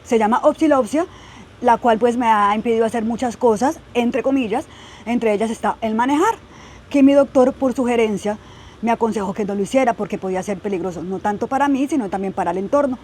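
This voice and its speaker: Young woman telling her story on a podcast, earnest, lots of eh and pues, fairly high voice, bit of background hiss. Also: brisk, a little mellow. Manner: earnest, with frequent "eh" and "pues" fillers. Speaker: guest sharing her testimony. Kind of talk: podcast interview, personal testimony.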